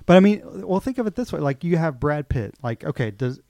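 A man co-hosting a podcast in casual chat, talking haltingly with many restarts. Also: a little high, very animated, mellow, dry recording. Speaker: podcast co-host.

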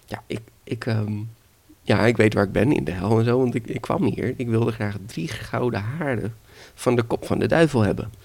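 A man voicing a timid young hero who stammers and hesitates, with a gravelly voice. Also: mid-range voice, moderate pace, a little mellow. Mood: unsure. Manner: stammering, unsure.

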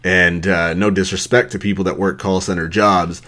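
A man's voice: deep voice, flat delivery, moderate pace, sharp tone. A man in his thirties hosting a podcast, bluntly mocking someone with heavy swearing and laughter. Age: 30s. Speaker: podcast host. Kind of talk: profane ranting commentary.

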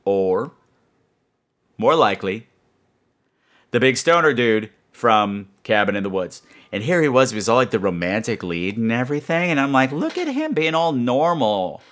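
Hosting his podcast, a man delivers a loose comic monologue at normal speed, very animated and with a pitch that roams freely. He wanders through his stories with sarcastic remarks and salty language.

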